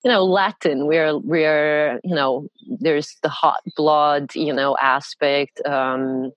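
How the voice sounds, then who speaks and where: A woman from Brazil, a podcast guest in casual chat who pauses thoughtfully to search for words. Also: low-pitched, steady tone, no room sound, lo-fi sound.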